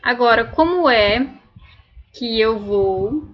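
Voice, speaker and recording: A woman's voice: a little high, animated, slow, muffled recording. A woman teaching a recorded language lesson, patiently explaining and drilling words one at a time. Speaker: Spanish teacher.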